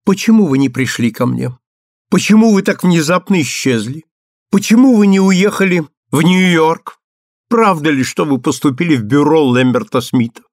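A man's voice: on the high side, lively intonation, moderate pace, no echo, clean studio sound, voice pushed up. A man voicing a proud, bold young woman who fires off urgent questions.

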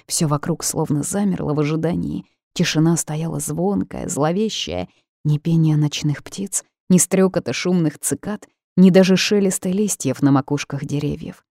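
A woman narrating a first-person fantasy audiobook in an expressive, steady storytelling voice. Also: deep voice, moderate pace, creaky, no echo, studio quality.

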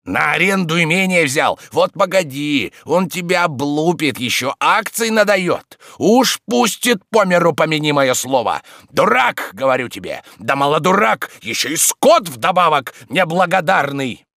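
A coarse, blustering man, as a male reader puts him on, hurls insults at the top of his voice. His pitch shoots high and swings wildly, and the sound is dry and close, like an audiobook. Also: sing-song, a little slow, creaky, few pauses, no echo, heavily acted. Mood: indignant. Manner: shouting, indignant, insulting. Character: coarse, bullying middle-aged man, loud and abusive.

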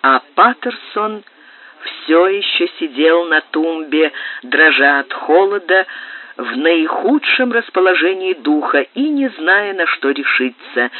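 A woman reading a novel aloud with emotive, melodic expression. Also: fairly low pitch. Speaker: audiobook reader. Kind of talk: expressive literary narration. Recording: tinny lo-fi digitized tape.

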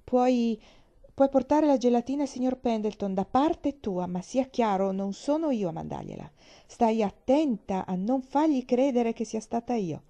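A woman's voice: a little high, lively intonation, normal speed, warm tone, muffled recording, pitched above the performer's own voice. A woman reading aloud, voicing a stern, rigid older aunt who speaks in a severe, clipped way. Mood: hesitant.

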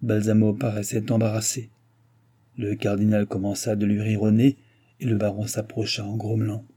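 A man reading a novel aloud in measured, scripted narration. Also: lowish voice, little pitch movement, dark tone. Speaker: audiobook reader.

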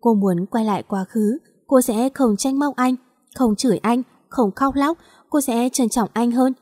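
A woman narrating a romance story in a steady, emotional storytelling manner. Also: fairly high pitch, unhurried. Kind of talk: scripted narration.

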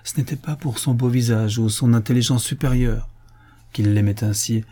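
A man narrating a classic novel as an audiobook reader, measured and even. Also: medium pitch, a little hiss or hum. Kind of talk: scripted narration.

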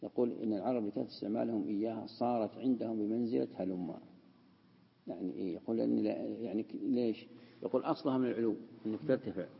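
A man's voice: lowish voice, rapid-fire, creaky, breathy edge, in a large hall, highs cut off. A man teaching a classical text as a sheikh, explaining and repeating key words. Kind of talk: lesson explaining Quranic word usage.

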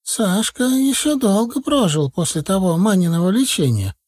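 A chatty old village granny, high and fluttery, rambling on in rustic country talk. Her voice swoops about and sounds slightly husky, close and dry, as a male reader puts her on. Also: sing-song, normal speed, darkish tone. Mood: chattering.

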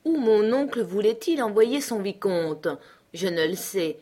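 A woman narrating a classic novel in a measured, literary reading style. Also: medium pitch, lively intonation, dark tone. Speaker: audiobook reader. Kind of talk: scripted narration.

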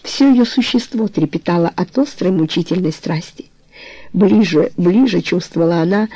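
A narrator giving a steady, measured audiobook reading of a romance novel. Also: mid-range voice, dry recording, poor audio.

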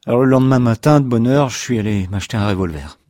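A man voicing an excitable, sarcastic patient confessing he destroyed his talking house. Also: medium pitch, quick pace, no room sound, studio quality, pitched above the performer's own voice, natural voice. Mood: excited. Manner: excitable, sarcastic, swings to shouting.

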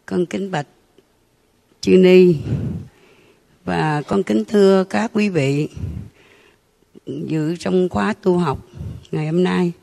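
Man, 50s, retreat attendee; slow, gravelly, reverent questioner. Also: high voice, dark tone. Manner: reverent, formal, hesitant. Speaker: retreat participant asking a question. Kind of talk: formal question to a teacher.

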